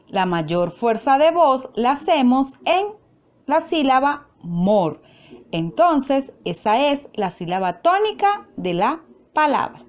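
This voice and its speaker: A woman teacher giving a recorded grammar lesson, speaking slowly and carefully, breaking words into syllables. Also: high-pitched, darkish tone. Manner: slow, careful, spelling out syllables.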